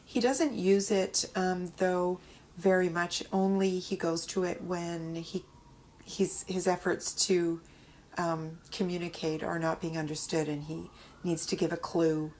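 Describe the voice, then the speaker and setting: Woman telling a story with many "um" pauses. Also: on the low side, slight background noise, low-quality recording. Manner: lively storyteller, with frequent "um" pauses. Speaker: interviewee, mother of an adult son. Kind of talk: casual interview storytelling.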